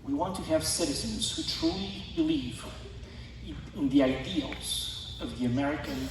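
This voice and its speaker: A man from Romania giving an earnest, measured formal speech at a school concert. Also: on the high side, very animated, background noise. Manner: measured, earnest, deliberate phrasing. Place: school auditorium. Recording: distant voice in a reverberant hall.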